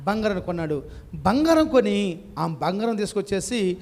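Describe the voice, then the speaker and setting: A man's voice: high voice, lively intonation, moderate pace, creaky, a little mellow. A male preacher, telling a parable in a sermon and putting questions to the congregation.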